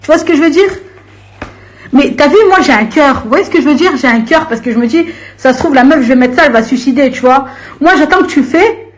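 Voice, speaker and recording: Heated young woman ranting on a live stream. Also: quick pace. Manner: confrontational, slangy, swings from low grumbling to shrill outbursts.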